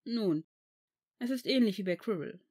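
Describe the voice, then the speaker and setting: A reader voicing an old male headmaster in a fan fiction audiobook, measured and calm, turning stern. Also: medium pitch, husky.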